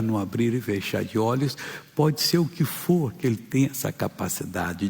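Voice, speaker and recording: A Brazilian Portuguese-accented male pastor with a gravelly, fry-edged voice delivers an emphatic sermon. His voice sits in the middle range and pushes up for exhortations, and a long reverb trails his words through a church hall. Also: mid-range voice, darkish tone. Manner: emphatic preaching, rising for exhortations.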